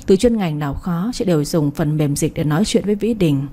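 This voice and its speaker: A woman reading a late-night romance story in the first person, soft and emotional. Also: on the low side, animated, brisk. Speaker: audiobook storyteller.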